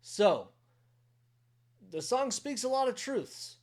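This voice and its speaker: A man's voice: very high-pitched, animated, slow pace, darkish tone. Earnest middle-aged man reacting. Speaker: reaction channel host. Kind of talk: casual commentary.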